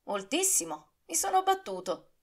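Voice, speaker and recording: A woman's voice: very high voice, big pitch swings, normal speed, voice pushed up. A woman voicing a swaggering young male swordsman in an audiobook, teasing and ironic as he taunts. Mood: breezy. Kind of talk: audiobook character reading.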